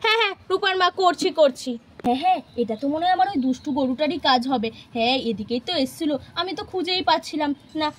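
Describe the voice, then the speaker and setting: A woman voicing a busy village milkwoman in a toy-house puppet play, hurried and defensive, repeating herself. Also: high-pitched, animated, a little hiss or hum. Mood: grudging. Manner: hurried, protesting, repeats words. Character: busy village milkwoman who owns a naughty cow, defensive.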